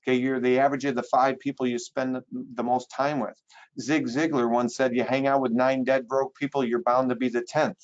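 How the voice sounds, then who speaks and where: A man's voice: medium pitch, little pitch movement, a little fast, highs cut off. A man giving a motivational webinar training as a real estate trainer, emphatic and coaching, repeating his key phrases.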